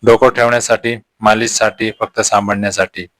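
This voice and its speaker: Low-voiced, even male storyteller. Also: a little fast, dry recording. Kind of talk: first-person story narration.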